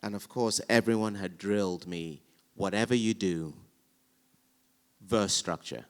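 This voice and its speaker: A man with a low voice spins a theatre anecdote for a live audience. He tells it with energy and taps out the beat of the verse as he goes. A long reverb from the hall hangs on his words. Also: measured pace, clear, resonant tone. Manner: animated storyteller, chants verse rhythms aloud. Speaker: actor. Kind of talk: panel conversation, anecdotal.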